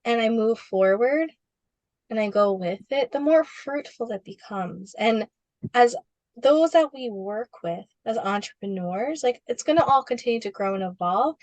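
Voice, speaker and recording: A woman's voice on the high side is heard on a low-quality recording without room sound. Guesting in a casual interview, the spiritual business coach is animated, says "like" a lot among other fillers, and jumps into playful quoted voices as asides.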